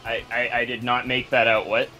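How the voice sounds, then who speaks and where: A man chatting on a voice-chat stream, easygoing and quick to giggle. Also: mid-range voice, level tone, loud music behind the voice, low-quality recording. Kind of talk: casual voice-chat banter.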